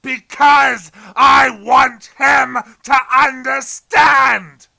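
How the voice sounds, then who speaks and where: A man playing the Joker as an unhinged, anguished and menacing clown villain in an audio drama, theatrical, swinging between hushed brooding and shouting. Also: very high voice, steady tone, extremely slow, gravelly, full character voice. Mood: anguished rage.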